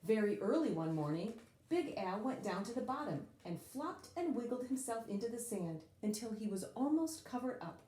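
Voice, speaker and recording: A woman with a fairly high, mellow voice reads a picture book aloud for children. Her delivery is expressive and dramatic, rising and falling widely, with drawn-out emphasis on important words. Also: reverberant. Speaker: storyteller reading aloud.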